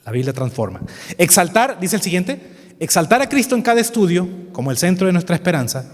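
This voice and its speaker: A man with a Salvadoran Spanish accent leads a Bible study seminar, his voice sitting a little high for a man. He speaks earnestly, repeats his key phrases and keeps putting questions to the class. The sound carries a long reverb from a large hall. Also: very animated, a little fast. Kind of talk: seminar teaching.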